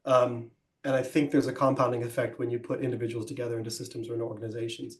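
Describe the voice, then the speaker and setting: A man's voice: mid-range voice, flat delivery, rapid-fire, roomy sound. A man co-hosting a business podcast, explaining ideas thoughtfully with frequent ums and restarts. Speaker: podcast co-host. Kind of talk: conversational business podcast discussion.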